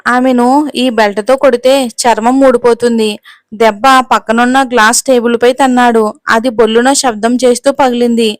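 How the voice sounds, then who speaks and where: Female storyteller, steady scripted read, fairly high, very even, dry close mic. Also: normal speed, no room sound. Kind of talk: scripted narration.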